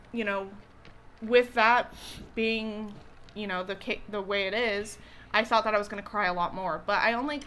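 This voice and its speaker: Rambling young woman, bright voice. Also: medium pitch, a little hiss or hum. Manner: rambling, hesitant, full of fillers and restarts. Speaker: co-host. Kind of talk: casual chat while eating.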